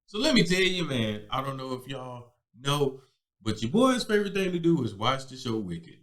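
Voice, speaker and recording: A man's voice: mid-range voice, normal speed. Man co-host, easygoing banter, voice rising and falling a lot. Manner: relaxed banter, short replies, easy laugh. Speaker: podcast co-host. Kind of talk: casual chat.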